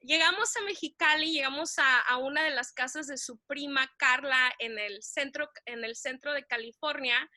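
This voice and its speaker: A woman co-hosting a faith podcast, telling a story in an animated way, laughing often and slipping in English phrases. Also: high-pitched, normal speed, hardly any pauses, no echo, studio quality. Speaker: podcast co-host.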